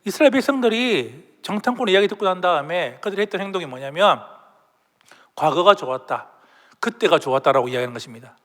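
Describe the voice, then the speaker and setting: A man's voice: sits high, animated, very fast, few pauses, fairly bright tone. A male pastor preaching a sermon in a church, asking the congregation questions and leading them in reading aloud. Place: church sanctuary. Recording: long hall reverb.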